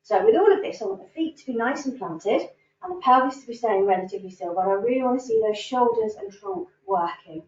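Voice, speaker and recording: A woman's voice: a little high, big pitch swings, brisk. A woman fitness instructor leading a standing cardio class, upbeat and encouraging as she counts reps. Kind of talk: guided exercise class. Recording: roomy, distant, dull sound.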